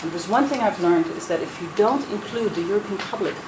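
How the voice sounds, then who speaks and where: Animated and fast-talking at medium pitch, a Dutch-born woman raised in America argues earnestly and persuasively at a roundtable in an American accent. She restarts often, and the recording comes from a noisy, echoey room.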